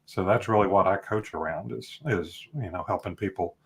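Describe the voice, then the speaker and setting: A man's voice: low voice, moderate pace, creaky, a bit bright. A middle-aged man from Texas, a life coach guest speaking earnestly and reflectively in a casual interview. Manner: earnest, reflective, with many fillers.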